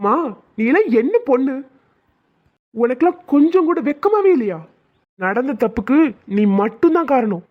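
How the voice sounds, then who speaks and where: A woman's voice: sits high, very animated, normal speed, long pauses, dry recording, phone-quality sound. A woman voicing an angry young man who harshly accuses his fiancée in a cartoon. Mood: scornful.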